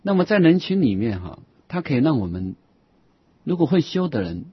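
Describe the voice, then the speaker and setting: Male Buddhist teacher, raspy voice, animated intonation, lecturing patiently. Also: a little high, no echo. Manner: repeats key phrases slowly, frequent soft 'hao' asides. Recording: dull lo-fi recording.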